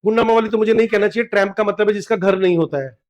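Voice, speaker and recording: A middle-aged Indian man giving an exam-prep literature lecture, explaining step by step and reading English quotes slowly. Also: high voice, steady tone. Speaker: literature teacher.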